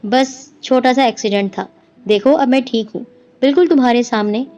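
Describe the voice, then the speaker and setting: A woman voicing a worried young husband who speaks calmly and soothingly. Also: a little high, lightly acted. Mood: uneasy. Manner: calm, soothing. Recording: dull lo-fi with music behind.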